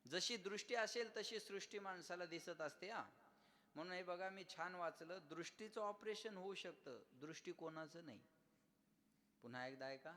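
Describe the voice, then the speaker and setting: Man, kirtan preacher, high voice, bright tone, call-and-response with audience, sung verses. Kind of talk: devotional kirtan sermon.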